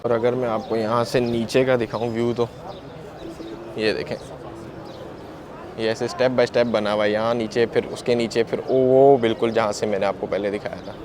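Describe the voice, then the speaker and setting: Amid crowd noise, this man's medium-pitched, flat voice moves at normal speed as he narrates his own travel vlog through a sore throat. Holding the camera, he walks outdoors and through a big, busy mosque extension, calling viewers brother, in a noisy outdoor phone recording.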